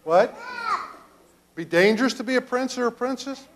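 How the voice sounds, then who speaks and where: An older man, a pastor, gently questioning children during a children's sermon in a church sanctuary. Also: extremely high pitch, animated, moderate pace, noisy background. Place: church sanctuary, children seated around him.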